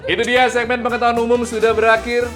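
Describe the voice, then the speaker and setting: A man hosts a lively quiz show, reading out clues and scores and stretching key words for emphasis. His voice is very high-pitched, monotone, fast and a bit bright, with music playing behind it.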